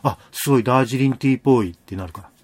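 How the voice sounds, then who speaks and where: A man's voice: mid-range voice, rapid-fire. A man hosting a casual chat, steering the talk with teasing jokes and frequent short replies. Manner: joking interjections, frequent backchannels. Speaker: podcast host.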